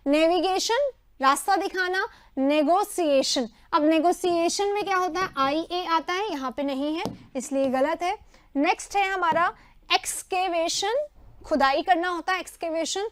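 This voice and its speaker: A woman teacher running an exam prep lesson, repeating word meanings in quick lists. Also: extremely high pitch, dry recording. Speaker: English teacher.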